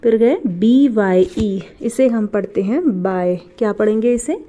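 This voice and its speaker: A woman's voice: mid-range voice, animated, slow, dark tone. A woman teaching a beginner English lesson, spelling out words, asking what they are read as and patiently repeating each answer. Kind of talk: step-by-step spelling and pronunciation lesson.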